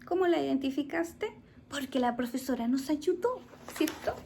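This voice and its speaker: A woman's voice: sits high, lively intonation, moderate pace, vocal fry, dark tone, slight background noise. A woman teacher with a Chilean accent, giving a recorded class to children and explaining patiently step by step while asking her pupils questions. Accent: Chilean Spanish.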